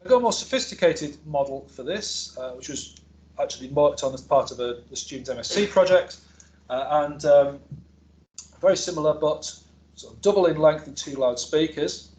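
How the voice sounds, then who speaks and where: In a seminar room before an audience, a man who is an academic researcher gives a technical seminar, speaking informally and explanatorily while hesitating and correcting himself. His fairly high, darkish voice moves at normal speed, captured in a low-quality recording.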